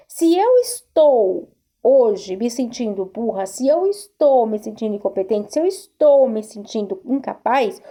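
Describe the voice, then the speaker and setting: A woman's voice: high-pitched, dark tone. A woman therapist giving an earnest self-help talk to camera, repeating herself and asking rhetorical questions. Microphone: recorded video to camera.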